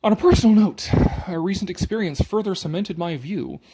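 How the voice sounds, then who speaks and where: Background noise accompanies a man with a high, animated voice who speaks a little fast. He performs a sarcastic dramatic reading of an article, pausing for casual, opinionated remarks that mock the text, sometimes with swearing.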